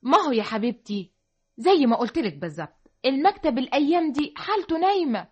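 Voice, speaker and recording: A woman's voice: high-pitched, very animated, fast, a little mellow, lo-fi sound. An Egyptian woman playing a coaxing, exasperated wife and mistress of the house in an old radio comedy.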